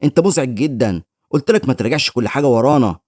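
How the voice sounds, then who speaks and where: A scornful young guild bully taunts his victim, as an Egyptian male narrator reads him. The lines come quickly and at a middle pitch, with a dry close sound. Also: animated, darkish tone, no room sound, close to an everyday voice. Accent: Egyptian Arabic. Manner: sneering, scornful.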